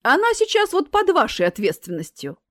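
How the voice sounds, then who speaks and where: A woman voicing a calm, stern male angel official who speaks matter-of-factly. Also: high-pitched, fairly quick, no echo, clean studio sound, pitched above the performer's own voice, exaggerated voice.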